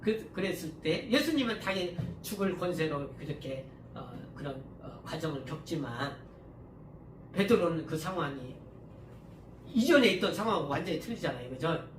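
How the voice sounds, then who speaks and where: A male pastor giving a sermon in a conversational style, often asking the congregation to agree and sometimes breaking into louder passages. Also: fairly high pitch, animated, normal speed. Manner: conversational preaching, often asks listeners to agree; many fillers and restarts, sudden rises in volume. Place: church hall. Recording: echoey room, mic at a distance, faint background hum.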